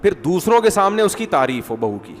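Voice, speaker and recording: A man's voice: high-pitched, very animated, big-room sound, faint music behind. A middle-aged man giving family advice in an informal, teasing talk, often acting out the people he describes. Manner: conversational, teasing, acts out quoted voices.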